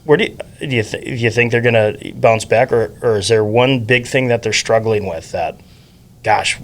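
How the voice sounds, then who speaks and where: A man's voice: medium pitch, moderate pace, slight background noise. A man in his forties hosting a casual podcast, asking long easygoing questions. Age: 40s. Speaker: podcast host.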